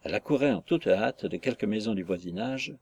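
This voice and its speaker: A male audiobook narrator who reads in a measured, literary way. His voice is low and somewhat breathy, and it stays steady through long descriptive passages.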